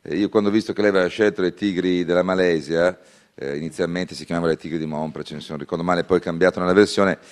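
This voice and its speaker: A male radio interviewer with a deep, low voice talks in a loose, conversational way. He often pauses on small fillers as he builds his questions. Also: steady tone.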